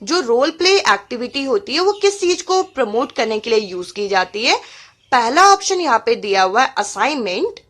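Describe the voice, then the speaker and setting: A woman teaches an exam-prep lesson in a high, animated voice. Her tone is bright and clear as she reads each point from the slide and then explains it. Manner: reads English points slowly, then explains them in Hindi.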